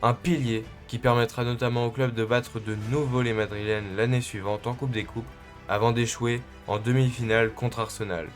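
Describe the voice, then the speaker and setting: A man delivers scripted documentary narration about sports history. His voice is mid-pitched, with music playing softly behind it. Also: steady tone, normal speed. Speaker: narrator of a football club history.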